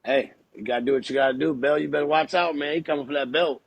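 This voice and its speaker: Husky, slangy man hosting, close and dry. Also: a little high, steady tone, fast talker, no echo. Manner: slangy, laid-back hype talk. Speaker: podcast host interviewer. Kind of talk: casual chat.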